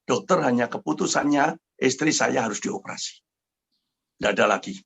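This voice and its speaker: An older man preaching and telling his own story to a congregation on a video call, fervent and swinging from quiet to loud. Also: medium pitch, normal speed, gravelly, breathy edge. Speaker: pastor. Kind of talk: sermon with testimony.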